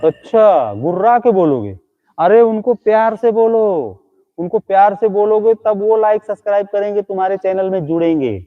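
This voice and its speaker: Man mock-scolding ghosts over tinny audio. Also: fairly high pitch. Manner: mocking, scolding, teasing insults. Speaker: live-stream comedy host. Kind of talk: comic live stream talking to imagined ghosts.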